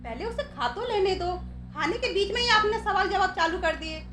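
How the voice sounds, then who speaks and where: An actress playing a worried middle-aged mother who pleads and tries to calm the family. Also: extremely high pitch, normal speed, soft background music. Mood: soothing. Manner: pleading, soothing.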